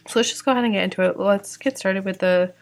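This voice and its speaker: A young Georgia woman with a medium-pitched, fast voice and some vocal fry chats her way through her sticker shop's new releases. She sounds slightly worn and keeps dropping "like" and "um" into this casual product walkthrough.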